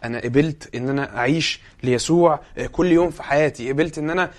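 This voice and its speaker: An Egyptian woman playing a calm, resigned, devout sibling who has just died, in an amateur stage drama. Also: sits low, very fast, lightly acted. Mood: resigned, firm.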